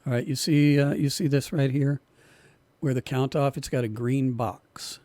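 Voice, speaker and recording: A man teaches an online recording class in a dark, mellow voice that is a bit worn from losing it. His talk is relaxed and loose, with repeated words as he explains. The sound is dry and close. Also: mid-range voice, normal speed, dry recording. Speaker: music production instructor.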